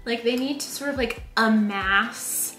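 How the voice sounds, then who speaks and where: A woman with a bright, ringing voice, joking wryly through a casual chat. She sits a touch high in pitch. An echoey room carries her voice. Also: unhurried, faint music behind. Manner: playful, wry joking. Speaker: co-host.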